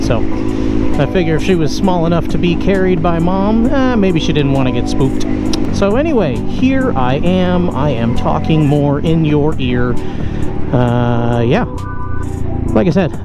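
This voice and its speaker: A man vlogging casually from inside a motorcycle helmet as he rides, rambling in a jokey, self-deprecating way. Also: a little high. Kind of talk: casual rambling chat while riding. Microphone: close mic inside the helmet. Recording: inside motorcycle helmet, music bed, engine noise.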